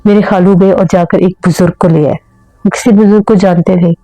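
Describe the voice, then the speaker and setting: A woman's voice: fairly low pitch, fairly even intonation, a little fast, mellow, dry recording, poor audio. A woman telling a first-person horror story in an earnest storytelling manner.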